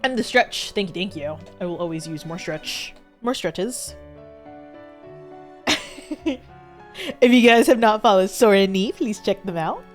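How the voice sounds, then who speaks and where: A woman's voice: medium pitch, a little slow, pauses often, soft background music. A young woman streaming a game, chatting casually and giggling with her viewers.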